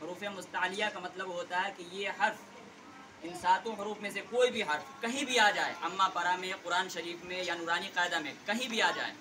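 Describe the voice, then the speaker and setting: A man's voice: high-pitched, normal speed. A man teaching Quran letter reading, leading a class in call-and-response drills and patiently correcting pronunciation. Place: classroom full of children. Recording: distant mic, loud classroom chatter and noise.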